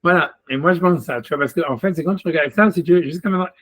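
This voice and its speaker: Chatty man teaching, slightly high voice. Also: rapid-fire, fairly bright tone. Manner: chatty, peppers every phrase with "you see"; reads scripture aloud in chanted Hebrew phrases. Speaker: rabbi teaching a text study. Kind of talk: casual one-on-one text study.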